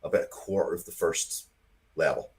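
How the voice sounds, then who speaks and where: This middle-aged man has a bass voice with vocal fry and keeps a moderate pace. As a guest being interviewed about his work creating games and comics, he tells stories animatedly, wanders off on tangents, and swears freely.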